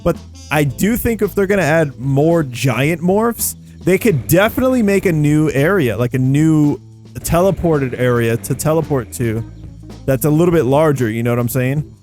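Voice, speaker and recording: An excitable, somewhat high-voiced man hosts a casual gameplay video as a video game YouTuber, speaking at normal speed. He uses loose slang, rambling and circling back on phrases while thinking aloud. Light background music plays under his commentary.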